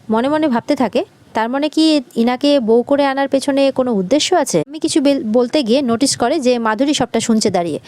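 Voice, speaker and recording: Brisk woman retelling a TV episode. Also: a little high, darkish tone, no room sound. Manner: brisk storytelling, voicing characters' lines lightly. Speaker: serial recap narrator. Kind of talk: fast retelling of a TV episode with quoted lines.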